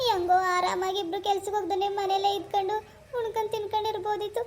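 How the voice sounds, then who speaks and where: A woman voicing a self-pitying, sharp-tongued village wife in a cartoon, lamenting and scolding. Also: extremely high pitch, level tone, quick pace. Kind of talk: Kannada cartoon voice acting.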